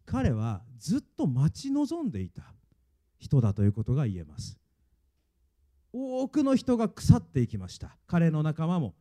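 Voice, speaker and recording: A man's voice: a little high, wildly swooping pitch, normal speed, warm tone. A male pastor preaching a sermon earnestly and emphatically, and leading his congregation in reading aloud.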